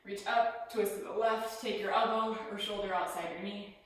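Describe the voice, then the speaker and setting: A woman leading a yoga class, giving calm step-by-step cues and sounding a little out of breath as she moves through the poses. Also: medium pitch, normal speed. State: slightly out of breath. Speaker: yoga instructor. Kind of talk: guided yoga class instruction. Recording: very echoey room.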